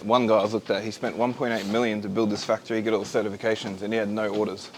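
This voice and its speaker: This man speaks at a fast clip in a casual interview while on a treadmill. His voice sits a little low, with faint ambient noise behind it. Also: flat delivery, low-quality recording. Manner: talking while exercising on a treadmill. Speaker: company founder.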